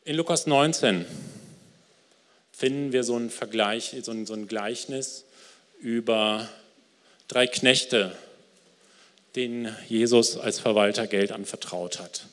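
A man's voice: lowish voice, steady tone, measured pace, fairly bright tone. Guy preaching a sermon, chatty, talks right to you, lots of ähs, big echoey church hall. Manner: conversational, addresses listeners directly with fillers.

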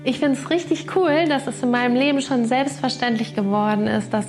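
Woman, slightly high voice, upbeat sincere testimony, music behind. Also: moderate pace. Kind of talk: video testimony. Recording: music underneath.

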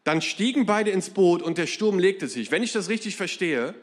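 A man preaching a sermon in a lively, humorous, conversational way. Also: high voice, normal speed, in a large hall. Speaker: pastor.

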